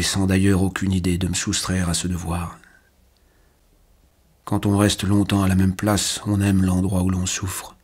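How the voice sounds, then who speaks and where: This is a low, slightly breathy male voice narrating a literary novel in the first person for an audiobook. He delivers it with measured, quiet emotion.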